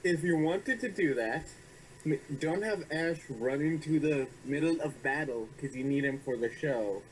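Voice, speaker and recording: A young man co-hosting a film review, chatty and a little halting as he adds his points. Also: fairly high pitch, a little hiss or hum, rough recording. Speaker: reviewer co-host. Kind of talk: casual review chat.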